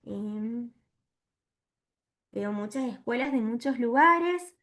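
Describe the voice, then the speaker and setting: A woman giving a virtual training lesson to teachers, explaining step by step and often checking in with a quick "¿sí?". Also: a little high, animated, a bit bright.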